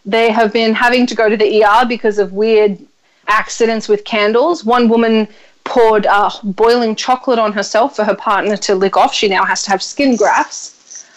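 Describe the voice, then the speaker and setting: A woman in her thirties hosting a casual chat, blunt and chatty, swearing freely and filling pauses with ums. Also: mid-range voice, fairly even intonation, poor audio. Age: 30s. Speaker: podcast host.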